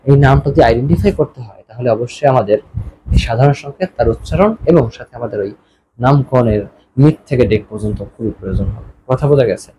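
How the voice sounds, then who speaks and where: A male teacher explains chemistry in a warm, relaxed voice. He keeps asking his students whether they follow along and slips English words into his teaching. A faint hum of room noise sits behind him. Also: mid-range voice, rough recording. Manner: asks students frequent check questions; mixes English terms into speech. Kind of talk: classroom lecture.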